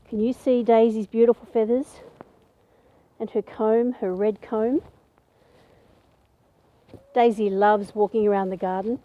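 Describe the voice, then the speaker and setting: A woman presenting to young children outdoors in a garden, with a bright, sing-song children's-host delivery, speaking to them directly. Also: on the high side, phone-quality sound. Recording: clear outdoor background noise.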